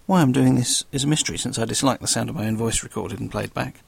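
A man with a South London accent talks quickly and casually as a stand-in podcast host. His voice has a creaky edge and is recorded close and dry. He keeps up a wry, self-deprecating humour. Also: medium pitch, no room sound. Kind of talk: casual solo podcast talk.

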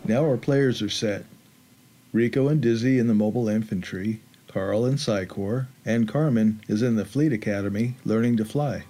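A man's voice: mid-range voice, dark tone. A man reading scripted narration as the narrator of a film recap.

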